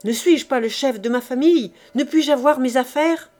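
A domineering old miser of a father, insistent and hectoring, read by a woman. The voice is fairly high yet mellow and warm. It is an audiobook reading with emphatic, pressing delivery. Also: lively intonation, unhurried. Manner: wheedling then hectoring, emphatic.

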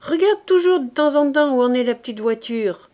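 A loud, blunt canteen woman, as a woman storyteller puts her on, rough but motherly toward a young soldier. Her voice rides high and carries. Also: moderate pace, close to an everyday voice. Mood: shouting. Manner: shouting, rough familiar tone.

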